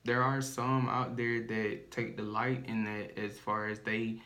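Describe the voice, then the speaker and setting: A man co-hosting a podcast in casual chat, slow and thoughtful, with many fillers and hedges. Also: lowish voice, flat delivery, sharp tone. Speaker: podcast co-host.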